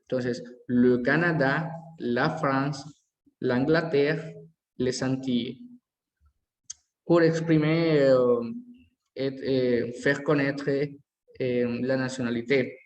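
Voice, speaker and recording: A man teaching a language lesson, slowly repeating each word form aloud as he explains it. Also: medium pitch, fairly even intonation, lo-fi sound. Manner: slow, careful, repeats word forms aloud. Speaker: French teacher. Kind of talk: bilingual classroom lesson. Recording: echoey hall.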